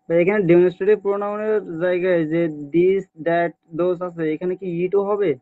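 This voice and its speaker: High-voiced man asking over a tinny line. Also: fairly even intonation, brisk, no room sound. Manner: polite questioning. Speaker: student asking a question.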